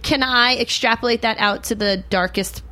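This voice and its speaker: A woman hosting a casual talk show, speaking in an animated, argumentative and jokey way. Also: on the high side, moderate pace. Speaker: host.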